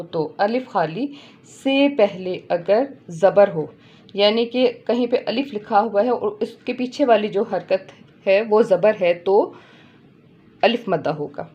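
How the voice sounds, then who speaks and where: Patient woman teaching with a mellow voice. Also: mid-range voice, dull audio. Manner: patient, repeats points, checks in often. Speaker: Quran teacher. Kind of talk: step-by-step tajweed lesson.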